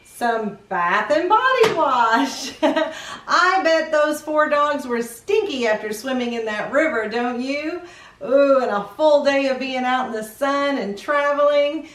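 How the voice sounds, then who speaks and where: A woman hosts a children's story reading, performing it expressively and talking straight to her young audience. Her voice sits high.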